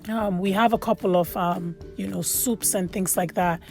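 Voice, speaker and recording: Woman from sierra leone doing a chatty food vlog voiceover, lots of vocal fry, some music behind. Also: medium pitch, fairly even intonation, normal speed. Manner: chatty, repeats words for emphasis. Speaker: food vlogger. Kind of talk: casual voice-over commentary on a meal.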